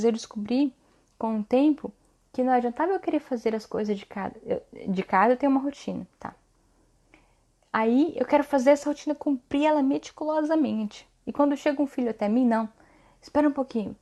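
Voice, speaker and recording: On a casual live stream aimed at mothers, an adult mother speaks in a high, mellow voice. Earnest and coach-like, she tacks a rising "tá?" onto her phrases again and again to confirm her audience is following along.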